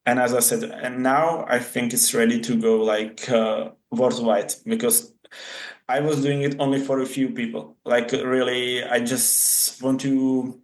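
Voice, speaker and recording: A Czech man, appearing as a guest athlete and coach, answers interview questions in halting English with a Czech accent, searching for words. His mid-range voice has a flat delivery, and the room sounds echoey.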